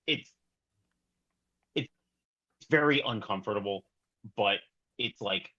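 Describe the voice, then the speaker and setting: A man co-hosting a casual film review podcast, enthusiastic and halting with restarts. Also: lowish voice, sharp tone, muffled recording. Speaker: podcast co-host.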